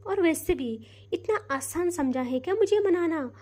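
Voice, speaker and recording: A woman's voice: extremely high pitch, animated, a little slow, mellow. A woman voicing a sulking young woman who answers her wife curtly. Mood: sulky. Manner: curt, huffy.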